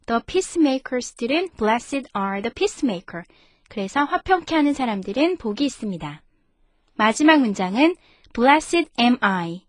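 A woman's voice: a little high, sing-song, dry recording, studio quality. Woman teaching English from Bible verses. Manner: slow, careful bilingual reading, then friendly explaining. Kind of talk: Bible story narration and English lesson.

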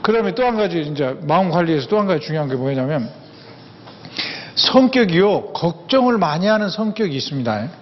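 A man's voice: on the high side, very animated, brisk, a little hiss or hum. An older man giving a humorous lecture, folksy and anecdotal, repeating words for emphasis. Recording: echoey hall, dull sound, faint ambience.

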